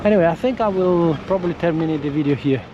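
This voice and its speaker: A man with a fairly high voice speaks fast, with an Italian accent and non-native English, while vlogging casually as he walks outside. He hesitates and frequently restarts or corrects himself. Audio comes from an action camera with a windscreen and is muffled, with background noise.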